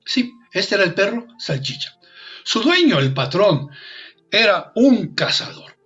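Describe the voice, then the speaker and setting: A man performs a folk tale aloud with a high-pitched voice. He swings between loud exclamations and hushed asides, repeating phrases for effect. The recording is dull and lo-fi, with faint music underneath. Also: big pitch swings, unhurried. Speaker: storyteller. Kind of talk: oral storytelling performance.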